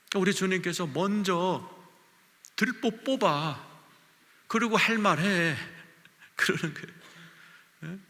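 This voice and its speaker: A male senior pastor preaching a sermon in a church, telling stories with big swings in pitch and loudness and sometimes dropping to a near whisper. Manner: drops to a near whisper for emphasis. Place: church sanctuary. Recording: long church hall reverb.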